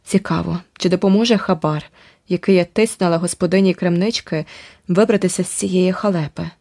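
A woman narrating an adventure audiobook in a steady, vivid storytelling manner. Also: fairly low pitch, brisk, no room sound, clean studio sound. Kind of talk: scripted narration.

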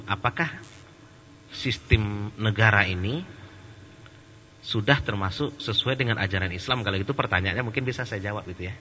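A man preaching at a religious study session, speaking casually, joking at times and growing loud and animated. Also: lowish voice, a little hiss or hum. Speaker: Islamic preacher. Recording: dull, with a long echo in a hall.

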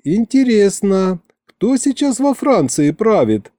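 Guy doing a dreamy young woman, high pitched, slow and drawn out. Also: huge pitch swings, mellow, no echo, studio quality. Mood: thoughtful. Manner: thoughtful, drawn-out. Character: curious young woman, courtly-minded.

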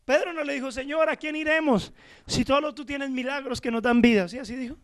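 A man's voice: extremely high pitch, steady tone, fairly quick. A male pastor preaching a sermon, pressing his listeners with rhetorical questions and calling them brother.

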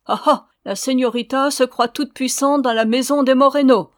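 A woman's voice: medium pitch, moderate pace, dry recording, clean studio sound, close to an everyday voice. A woman voicing a scornful, domineering older guardian. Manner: imperious, mocking.

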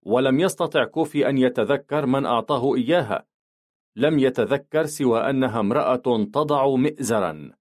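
A man narrating a novel for an audiobook in a mid-pitched voice. His delivery is steady and measured. He shifts his tone slightly when quoting other characters.

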